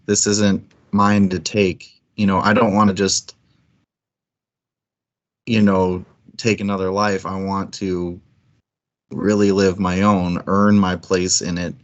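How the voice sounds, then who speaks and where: A man whose voice sits low, recorded with the highs cut off, chats informally about books. As co-host of a book club livestream, he rambles and thinks aloud through the casual discussion.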